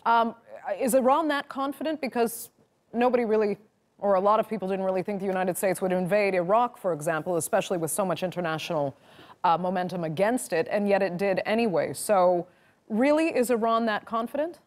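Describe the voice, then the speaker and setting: Female news anchor, mid-pitched voice. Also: fairly quick, darkish tone. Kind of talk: live news interview questioning. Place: television studio.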